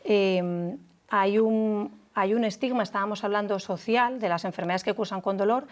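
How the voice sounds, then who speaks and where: Measured woman doctor explaining calmly. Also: mid-range voice. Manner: measured, explanatory, with hesitant restarts. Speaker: guest, doctor. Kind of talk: explanatory talk-show discussion.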